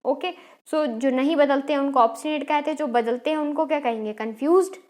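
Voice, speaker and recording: A woman's voice: high-pitched, brisk, a little mellow. A woman teacher with an Indian English accent, explaining English exam questions step by step and quizzing her students. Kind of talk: exam-prep English lesson.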